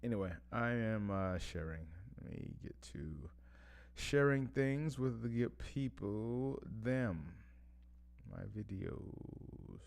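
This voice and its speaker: A man's voice: medium pitch, lively intonation, takes it slowly, gravelly, a little mellow, smooth. Laid-back rambling man on a live stream. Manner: rambling, loses track and restarts often; laid-back slangy talk, chuckles between phrases. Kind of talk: casual live-stream chat.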